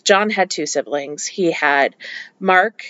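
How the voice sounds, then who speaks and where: A woman's voice: lowish voice, slow, a bit bright, dry recording, lo-fi sound. A woman hosting a true-crime podcast, telling the story in a casual, opinionated way with frequent ums. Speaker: podcast host.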